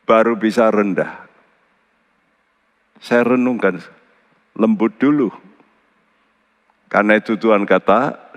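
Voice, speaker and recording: A middle-aged man preaching a sermon as pastor, animated, often jumping to high emphatic outbursts. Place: large church hall. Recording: church service with long hall reverb.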